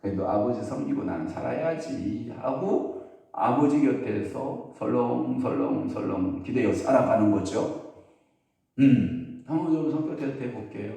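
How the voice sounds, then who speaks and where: Gravelly pastor preaching in an echoey hall. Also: male voice, medium pitch, mellow, distant mic. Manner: storytelling preacher, asks the congregation questions. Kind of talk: early-morning sermon.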